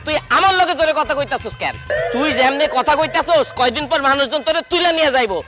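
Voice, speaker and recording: An actor playing a mocking young male friend who teases loudly, in a comic drama. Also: very high-pitched, animated, fast talker, over loud music. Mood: teasing. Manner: teasing, mocking, loud.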